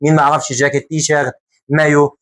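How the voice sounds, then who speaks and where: With a voice that runs a little high, a man speaking with an Egyptian Arabic accent gives a joking, lively French lesson, slowly repeating words as drills.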